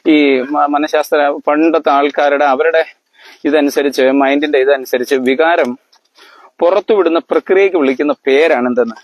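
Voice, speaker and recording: In a steady tone and a fairly high voice, a man lectures his family, recorded lo-fi with no room sound. He keeps stopping to ask if they understand and quiz them, and his speech is halting, with fillers and restarts.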